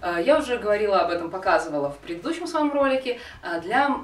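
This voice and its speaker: A woman's voice: mid-range voice, expressive, fast. A young adult woman giving a casual, improvised tutorial, rambling and giggly as she hosts. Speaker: video host, cosplayer teaching voices. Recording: roomy, distant microphone.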